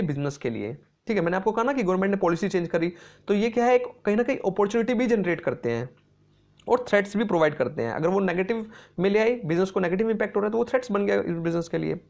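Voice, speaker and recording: A man teaching an exam-prep lesson, mixing English terms into his explanations, often checking in with "okay" and reading English definitions out slowly. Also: sits high, darkish tone. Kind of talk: explanatory lecture.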